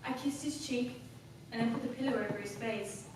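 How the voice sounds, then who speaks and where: In a classroom performance before her class, a young adult student actor plays a coldly self-possessed, cunning woman in a stage monologue. Her highish, natural voice carries a cool, confiding mood, and her delivery is formal, deliberate and dramatic. The recording is distant, in a very echoey room with clear background noise.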